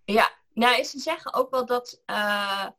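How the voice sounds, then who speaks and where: A woman's voice: fairly high pitch, slow pace, bright, forceful tone. A woman in her thirties, a yoga teacher talking as an interview guest, reflective and hesitant, with many fillers and restarts, over a video call. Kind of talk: reflective conversation.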